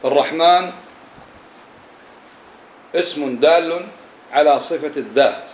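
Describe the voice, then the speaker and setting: A man teaching a classroom religious lesson, explaining scripture and often checking understanding with quick questions to his students. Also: a little high. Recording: echoey room.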